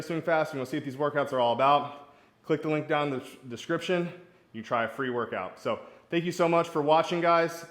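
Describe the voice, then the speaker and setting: A man's voice: mid-range voice, fairly bright tone. A man coaching golf fitness, demonstrating exercises while talking casually and encouragingly in a hot home garage, a little out of breath. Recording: echoey garage.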